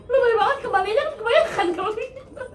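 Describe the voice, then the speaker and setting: High-voiced woman telling a story. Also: fast talker, far from the mic. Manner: animated, acts out quotes, laughs often. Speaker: podcast host. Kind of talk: casual storytelling chat. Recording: roomy, off-mic, music behind.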